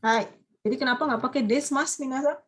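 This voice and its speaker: Lively woman teaching a class. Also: sits high, slightly rough. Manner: lively, coaxing students with questions, quick asides. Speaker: Japanese language teacher. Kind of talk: online class lecture.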